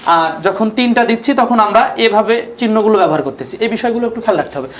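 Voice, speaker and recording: High-voiced man teaching in an echoey room. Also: animated. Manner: patient, repeats words slowly for students to follow. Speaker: Arabic grammar teacher. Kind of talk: online lesson. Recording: echoey room with faint background noise.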